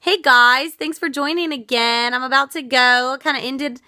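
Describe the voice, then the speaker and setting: A woman from the United States hosts a casual live stream, answering viewer comments in an earnest, reflective way while she's losing her voice and sounds worn out. Her voice is high-pitched, pushed, and bright, with a steady tone at normal speed. The studio recording is clean, with no echo.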